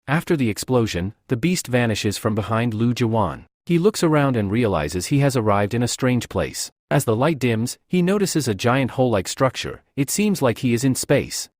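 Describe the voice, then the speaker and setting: A man narrating a comic recap in an even, storytelling delivery. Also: medium pitch, normal speed, few pauses, no room sound, clean studio sound.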